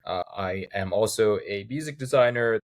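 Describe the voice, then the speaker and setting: A man in his thirties from Thailand, a guest chatting casually in an interview and acting out examples as he talks. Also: moderate pace. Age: 30s. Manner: animated storyteller, acts out quoted lines in a higher voice. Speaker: guest, video game composer.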